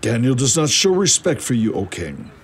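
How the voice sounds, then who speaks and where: An actor playing a deferential, nervous scheming official in a theatrical Bible drama. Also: male voice, mid-range voice, big pitch swings, normal speed, slight background noise, lightly acted.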